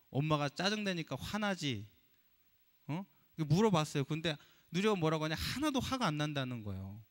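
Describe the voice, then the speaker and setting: A man's voice: on the high side, a bit bright. A pastor preaching a sermon to his congregation, asking them rhetorical questions as he goes. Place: church sanctuary. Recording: long reverb of a church hall.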